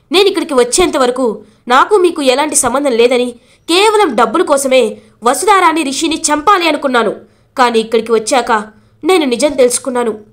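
An earnest, pleading young man who was once a hired thug speaks in a fairly high, soft voice, as a woman reads him out. His tone stays steady and sincere. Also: lightly acted.

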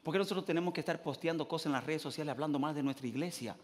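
A man pastor, preaching a lively, joking sermon that swings from loud to hushed. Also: fairly high pitch, very fast. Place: church hall. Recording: long hall reverb.

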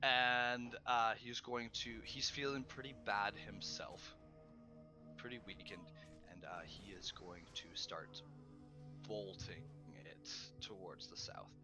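A man's voice: on the low side, steady tone, slow pace, bright, forceful tone, soft background music. A man running a tabletop game as game master, narrating casually with many ums and the odd swear.

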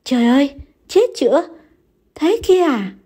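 A woman voicing an anxious young wife, speaking in a pleading, panicky higher voice. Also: lively intonation, measured pace, a little mellow, breathy edge. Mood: panicked.

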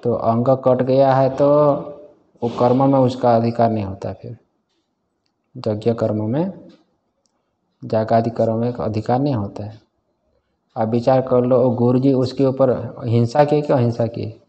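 A man's voice: medium pitch, steady tone, measured pace, long pauses, mellow, highs cut off. A man teaching a scripture class in a casual way, often quizzing his students and chuckling. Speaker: Vedanta teacher.

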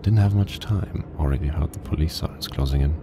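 A man voicing a weary, grim private detective who narrates a horror game in a slow, flat storytelling manner. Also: noisy background. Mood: brooding. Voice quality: very deep, gravelly. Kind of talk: scripted noir narration. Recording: game audio under loud music. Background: game music.

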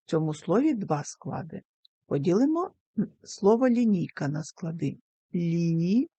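A woman teacher giving a recorded lesson to young children, speaking slowly and carefully and sounding out words syllable by syllable. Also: on the low side, very animated, mellow, slightly rough, no echo, dull audio. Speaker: primary school teacher.

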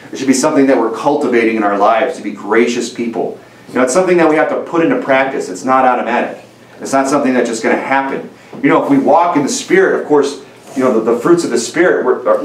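Roomy church audio captured from a distance, with a little hiss or hum, carries a medium-pitched man in his thirties preaching at a lectern. Earnest and conversational, he gestures with both hands and keeps restarting, dropping many "you know"s, inside a medium-sized sanctuary.

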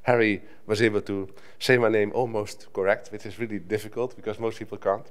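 A man's voice: lowish voice, fairly even intonation, a little fast, clean tone. A middle-aged man from the Netherlands, a native Dutch speaker, giving a conversational conference talk at a lectern, with frequent restarts. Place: conference hall stage at a lectern. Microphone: lectern microphone.

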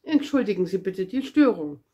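A woman's voice: medium pitch, very animated, moderate pace, dark tone, lightly acted. A woman voicing a cheeky, boastful little red-haired girl in a read-aloud storybook, chatty and eager. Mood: wistful.

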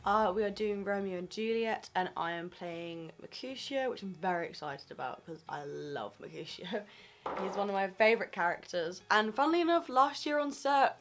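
Here the young drama student speaks at a moderate pace in a mid-range voice with a hint of croakiness. Cheerful and prone to laughter, she vlogs casually from the bedroom and kitchen of a cramped student flat, captured by a camera mic at arm's length.

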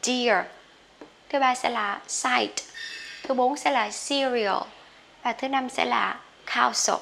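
A woman's voice: a little high, slow pace, creaky, fairly bright tone. A woman teacher explaining English homophones in a chatty, casual lesson full of filler particles.

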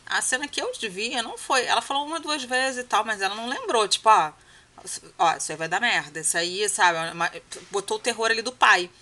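A Brazilian woman with a bright, clear voice gives casual spoken commentary on a soap opera episode. She talks straight to her viewers and gets indignant and exclamatory about the characters. Her delivery is loose and conversational, full of restarts. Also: mid-range voice. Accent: Brazilian Portuguese. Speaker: host reacting to a Turkish soap episode.

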